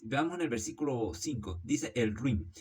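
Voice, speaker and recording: A man reading Bible verses aloud and explaining them, in a measured delivery with frequent "eh" fillers and "¿ok?" checks, often correcting himself mid-sentence. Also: mid-range voice, lively intonation, a little mellow, slightly rough. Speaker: Bible teacher.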